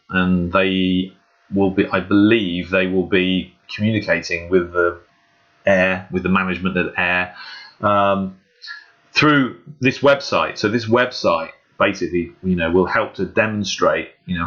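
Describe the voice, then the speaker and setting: A low, fairly bright male voice carries this hobbyist screen walkthrough vlog, delivered casually, earnestly, and hesitantly without a script. The recording comes from a dull, muffled lo-fi mic.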